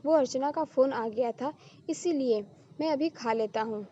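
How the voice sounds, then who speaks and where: A woman's voice: sits high, normal speed, warm tone, lo-fi sound, a little hiss or hum, lightly acted. A woman reading the lines of an earnest young man in a storybook drama. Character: young man, a loyal groom.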